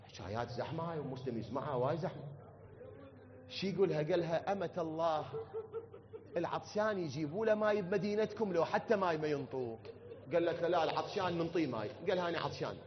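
A man's voice: a little high, fast talker, noisy background. A man with an Iraqi accent preaching a mourning sermon, telling a story that rises into a wailing chant. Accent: Iraqi Arabic. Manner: impassioned, rising to wailing chant. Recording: dull lo-fi recording.

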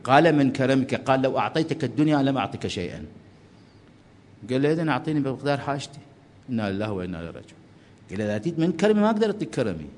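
A man with an Iraqi Arabic accent preaching a sermon from the pulpit of a mosque hall, swinging between fervent calls and hushed pleading. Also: mid-range voice, very animated, rapid-fire, slight background noise. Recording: long reverb of a large hall.

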